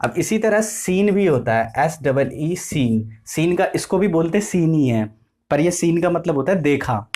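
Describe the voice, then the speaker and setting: Slow-spelling male English tutor. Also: on the high side, animated, darkish tone. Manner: slow and repetitive, spelling words out letter by letter. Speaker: English teacher. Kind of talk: explanatory lesson.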